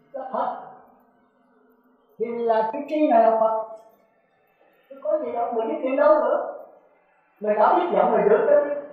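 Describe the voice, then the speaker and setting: A man, a Buddhist monk, giving a dharma talk with emphatic rhetorical questions to his listeners. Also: very high-pitched. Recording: echoey, phone-like lo-fi recording.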